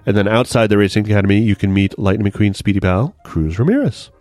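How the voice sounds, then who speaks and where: A man's voice: lowish voice, fast, darkish tone, no echo, faint music behind. A man hosting a casual podcast, chatting about park news and running a guessing game for his co-hosts. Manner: chatty, runs the quiz game. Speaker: podcast host. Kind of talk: casual chat.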